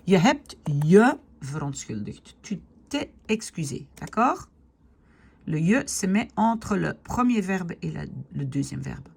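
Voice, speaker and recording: Woman, language teacher, low husky voice, unhurried, checks in with students, encouraging. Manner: explains step by step, often checks with "d'accord?" and "ok?"; slows down to spell out Dutch words. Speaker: Dutch teacher. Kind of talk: online grammar lesson.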